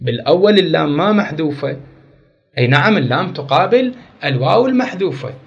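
A man's voice: on the high side, sing-song, fast talker, creaky. A man teaching an Arabic grammar lesson, repeating key words and quizzing his class with questions. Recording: dull lo-fi recording.

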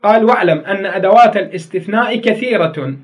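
A man's voice: high-pitched, quick pace. A man with an Iraqi Arabic accent teaching a grammar lesson, repeating key phrases and putting questions to his students.

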